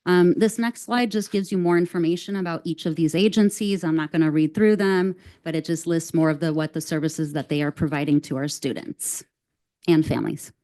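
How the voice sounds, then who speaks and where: A woman presents to a school board in a measured, earnest way, dropping an occasional "um". Her voice sits a little low and sounds mellow rather than bright. She speaks into a microphone in a meeting room. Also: fairly even intonation. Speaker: district staff presenter.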